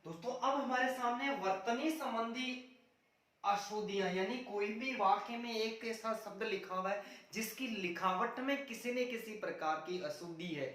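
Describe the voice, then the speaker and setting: Teaching exam grammar in a high, fairly bright voice at a moderate pace, a man answers the questions he himself asks. He keeps calling his viewers "friends," and with the mic far away, the room sounds very echoey.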